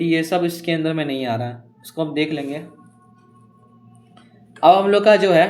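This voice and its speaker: A man teaching an exam-prep grammar lesson, explaining step by step and reading examples slowly. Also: fairly high pitch, a little mellow.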